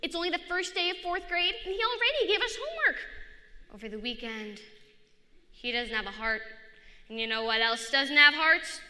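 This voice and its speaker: A woman's voice: sits high, bright, forceful tone, voice pushed up, heavily acted. A woman voicing an anxious fourth-grade boy who rambles with jumpy emphasis. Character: anxious boy, fourth grader, allergy-prone best friend. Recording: echoey hall.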